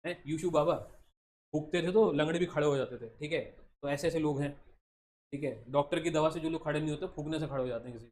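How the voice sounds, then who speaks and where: A man's voice: fairly high pitch, fast. A man with an Indian accent teaching law students in a classroom, joking a lot and calling them beta. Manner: joking, animated, addresses students as beta, many tag questions like thik hai. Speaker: law entrance coaching teacher. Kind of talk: classroom lecture in Hindi mixed with English legal terms.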